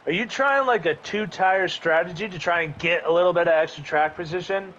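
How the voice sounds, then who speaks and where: A man doing live play-by-play commentary of an online race, with an excitable manner. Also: high-pitched, a little fast. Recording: dull lo-fi audio with faint background noise.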